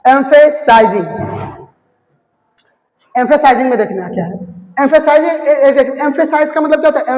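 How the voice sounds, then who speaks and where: A grammar teacher, giving an exam-prep lesson and repeating each key term as a question and its answer. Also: medium pitch. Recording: long hall reverb.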